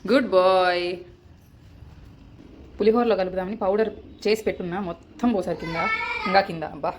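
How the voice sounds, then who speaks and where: A woman's voice: on the low side, fairly quick. A young woman at home, scolding and coaxing her toddler in a casual family vlog, exasperated. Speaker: vlogger mother. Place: home, indoors.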